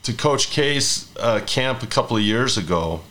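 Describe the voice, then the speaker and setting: A man's voice: mid-range voice, animated, normal speed, a bit bright. A man in his fifties hosting a conversational interview, telling rambling anecdotes between questions. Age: 50s. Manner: rambling storyteller who hosts the interview. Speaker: podcast host.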